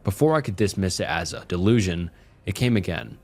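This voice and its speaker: A man reading a scripted first-person horror story in a steady, measured way. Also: deep voice. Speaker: narrator. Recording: soft music underneath.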